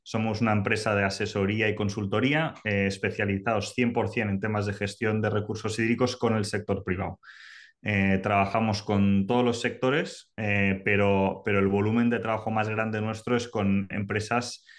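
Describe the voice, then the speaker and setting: Man Barcelona, low voice, measured expert guest on a video call. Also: little pitch movement. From Barcelona, Spain. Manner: measured, explanatory, with "eh" fillers. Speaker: guest consultant. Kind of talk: expert explanation.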